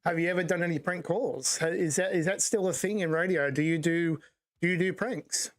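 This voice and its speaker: A man's voice: on the high side, a little fast, no room sound, clean studio sound. A man hosting a casual online chat show, eager and stumbling over restarts. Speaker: host.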